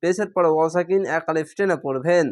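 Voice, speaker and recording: A man teaching Quran reading, spelling each syllable out slowly and patiently repeating the rules. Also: a little high. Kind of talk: slow spelled-out recitation lesson.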